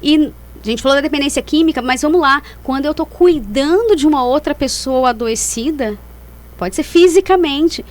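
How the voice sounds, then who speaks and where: A woman with a clearly high voice talks as a psychologist being interviewed. She builds her explanations in a halting way, often rephrasing as she goes.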